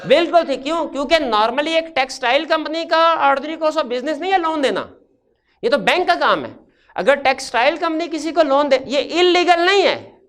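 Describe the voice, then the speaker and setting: A man's voice: extremely high pitch, lively intonation, moderate pace, a bit bright. A man lecturing on accounting, asking his class questions and answering them himself, step by step. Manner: explains step by step, asks and answers own questions.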